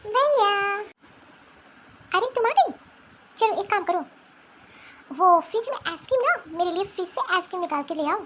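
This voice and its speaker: A woman voicing several figures in a Hindi animated family story. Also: very high voice, moderate pace, long pauses, slight background noise. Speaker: voice actor for several cartoon figures. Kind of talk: Hindi cartoon voice acting.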